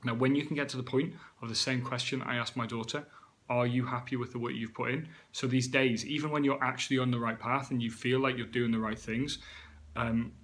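Man in his thirties with a British accent, fitness coach, relaxed chatty motivational vlog delivery, ordinary middle pitch. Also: a little fast. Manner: chatty, with frequent 'um' and 'okay?' asides. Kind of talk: casual motivational talk to camera.

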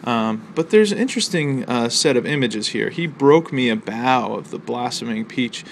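A man teaching a college literature lesson, explaining a poem's rhythm and imagery in a measured way with fillers and pauses. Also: mid-range voice, lively intonation, gravelly, a little hiss or hum. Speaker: college instructor. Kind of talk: recorded literature lecture. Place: outdoors near a library.

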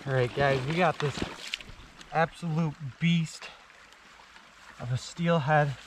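A young man with a voice on the high side speaks slowly to his action camera, chest-mounted or at arm's length, as he fly fishes a wintry creek outdoors. He grows breathless and excited while bringing in a fish, and the flowing stream is faintly audible.

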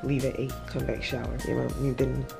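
A woman's voice: little pitch movement, fast talker, vocal fry, music in the background. A woman in her twenties vlogging casually from her car, laid-back and swearing freely. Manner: laid-back, swears freely, low and drowsy early morning. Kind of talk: casual vlog chat. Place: parked car.

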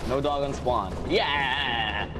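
A man chatting as a fellow player, excited and swearing freely. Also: mid-range voice, takes it slowly, roomy sound, heavy background noise. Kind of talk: casual voice chat.

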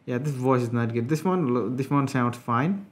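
A man giving a relaxed, conversational software tutorial, talking through each step with frequent filler words. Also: mid-range voice, normal speed. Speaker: software reviewer. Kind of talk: casual screen-recorded tutorial.

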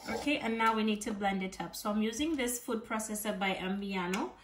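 A woman's voice: medium pitch, brisk, slight background noise. A woman hosting a casual home cooking tutorial, talking through each step and often checking in with "okay?". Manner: chatty, ends phrases with "okay?". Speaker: cooking channel host. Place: home kitchen. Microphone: off-camera camera mic, overhead framing. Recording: echoey kitchen, voice from a distance.

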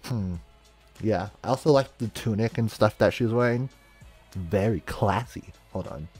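A man reacting to a video game trailer in casual commentary, swinging between low mumbles and loud excited outbursts. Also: a little slow, slightly rough, soft background music. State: cold and shivering, early morning. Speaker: reaction streamer.

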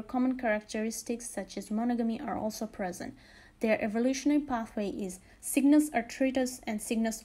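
A woman's voice: fairly high pitch, mellow. A woman reading scripted nature documentary narration in a formal, informative manner.

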